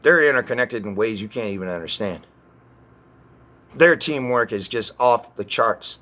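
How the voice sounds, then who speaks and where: A man's voice: mid-range voice, lively intonation, pushed and bright. Agitated, swearing man ranting. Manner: agitated, profane, halting. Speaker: vlogger. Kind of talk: ranting monologue to camera.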